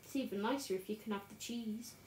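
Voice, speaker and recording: High-voiced giggly woman in a roomy home room. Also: fast, background noise. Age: 30s. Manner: chatty and giggly, reading out viewers' names. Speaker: livestream host colouring on camera. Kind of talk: casual chat while colouring.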